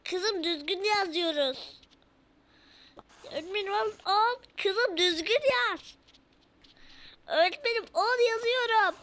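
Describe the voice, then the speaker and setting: A woman's voice: extremely high pitch, a little slow, a bit bright, pitched above the performer's own voice. A woman voicing a strict, fussy female schoolteacher who nags her pupils. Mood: scolding. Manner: scolding, nagging.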